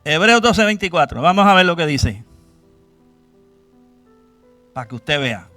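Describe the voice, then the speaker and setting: Bright-voiced high male preacher. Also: sing-song, brisk, no room sound, faint music behind. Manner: asks the congregation questions, acts out cries to God. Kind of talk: sermon. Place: church.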